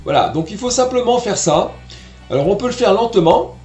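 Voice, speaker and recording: Male trumpet teacher, patient and explanatory, slightly high voice, roomy echo. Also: lively intonation, brisk, a little mellow, soft background music. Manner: patient, explanatory, demonstrates syllables aloud. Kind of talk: online music lesson.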